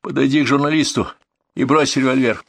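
A man voicing a desperate male killer who screams threats in a high, shrill voice. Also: fairly even intonation, a little fast, vocal fry, dry recording. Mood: hysterical threats.

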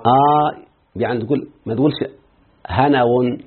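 A man's voice: mid-range voice, fast talker, breathy edge. A man with an Egyptian accent, a sheikh explaining an Arabic grammar text and quizzing his students as he goes. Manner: quizzing students with repeated checks. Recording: tinny phone-like line.

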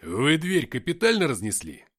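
A man voicing a gruff male squad commander who barks orders. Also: a little high, wildly swooping pitch, normal speed, a bit bright, voice pushed up, full character voice. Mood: commanding.

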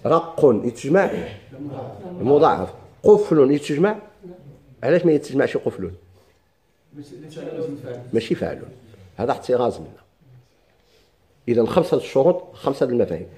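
A man's voice: medium pitch, sing-song, moderate pace, long pauses, dark tone. A man with a Moroccan Arabic accent teaching a grammar lesson to a class, quizzing students and repeating his questions.

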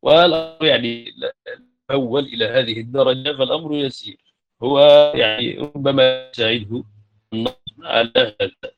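A man teaching Arabic grammar in a classroom lecture, explaining step by step with hesitant fillers and self-corrections, and reciting verses in a slower chant. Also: mid-range voice, over music. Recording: dull lo-fi lecture recording.

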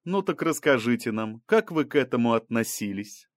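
A man reading an audiobook, voicing a mocking, aggressive female prosecutor who presses and rises to shouts. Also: mid-range voice, lively intonation, moderate pace, no echo, studio quality, close to an everyday voice.

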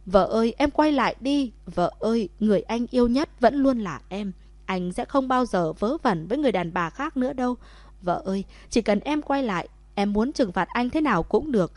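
A woman voicing a remorseful young husband who begs his wife loudly in a storybook. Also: mid-range voice, no echo, lightly acted. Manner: loud begging calls.

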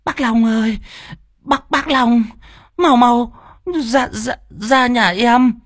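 A man's voice: very high-pitched, fairly even intonation, slow, a bit bright, dry recording, clean studio sound, pitched above the performer's own voice, full character voice. A man voicing a panicked village woman who stammers and gasps as she calls for help. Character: panicked shrill village woman, breathless and loud.

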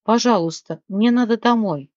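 A woman's voice: a little high, normal speed, darkish tone, no echo, dull audio, close to an everyday voice. A woman voicing a miserable young woman who begs tearfully to be sent home, in an audiobook. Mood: pleading. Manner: tearful begging.

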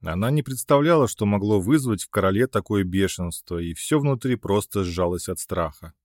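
A man reading a fantasy romance audiobook aloud in an expressive, dramatic way. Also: lowish voice, moderate pace, no echo, studio quality. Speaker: audiobook narrator. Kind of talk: scripted narration of a fantasy romance.

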